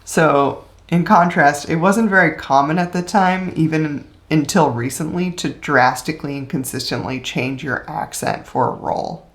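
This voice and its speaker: A woman co-hosts a podcast, chatting casually about old films and laughing easily. Her middle-pitched voice often drops into a gravelly fry. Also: normal speed, hardly any pauses. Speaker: podcast co-host. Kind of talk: casual film discussion.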